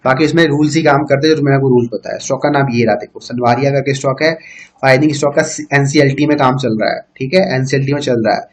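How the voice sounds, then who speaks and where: A man giving a casual trading tutorial, talking straight to viewers and filling pauses with "okay". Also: mid-range voice, fairly even intonation. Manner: conversational, repeats "theek hai" often, addresses viewers directly. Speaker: stock market educator.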